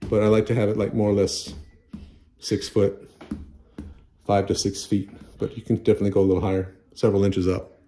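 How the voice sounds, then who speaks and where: A man's voice: on the low side, little pitch movement, fairly quick, long pauses, warm tone, a little hiss or hum. A middle-aged man casually reviewing a product at home, rambling with many restarts and repeated words, recorded on a handheld phone. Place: home practice room. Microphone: handheld phone camera.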